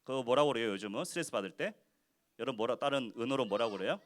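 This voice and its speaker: A man giving a children's sermon as pastor in church, animated and constantly asking the kids questions. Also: mid-range voice, very fast. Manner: acts out quoted speech in short voices. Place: church worship service for children.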